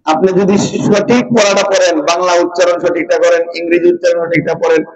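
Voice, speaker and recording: A man's voice: sits high, steady tone, fast talker, muffled recording. A man teaching a madrasa class, repeating questions and raising his voice to prompt the pupils to answer back. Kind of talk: classroom call-and-response drilling.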